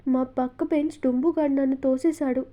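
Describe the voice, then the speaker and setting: A woman's voice: high-pitched, steady tone, moderate pace, dark tone, lo-fi sound, close to an everyday voice. A woman voicing a tearful, innocent young schoolgirl in a storybook reading, with a pleading tone. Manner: sobbing, pleading tone.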